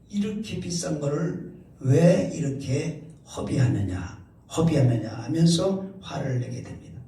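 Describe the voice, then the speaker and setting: A man's voice: a little high, mellow. A man preaching a sermon as pastor, explaining a passage step by step and repeating key phrases for emphasis. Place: church sanctuary. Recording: roomy echo, heard from a distance.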